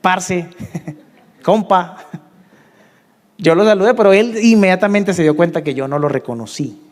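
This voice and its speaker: A man in his thirties with a Colombian Spanish accent, telling his testimony in a sermon, swinging between hushed confession and emphatic peaks. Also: fast, big-room sound. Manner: emotional storytelling, dropping to hushed tones and rising to emphatic highs. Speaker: preacher.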